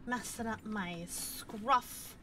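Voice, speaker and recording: A fairly high-voiced woman giving horror gameplay commentary, jittery and quick to burst into repeated panicked words. She talks straight to the game as she plays. A steady hiss of background noise runs under her voice. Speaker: gaming streamer.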